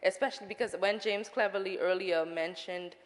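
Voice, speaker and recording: A woman's voice: medium pitch, steady tone, fairly quick. A young woman from the Bahamas makes a thoughtful, articulate comment from the audience. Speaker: audience member. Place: large hall with an audience. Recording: reverberant hall.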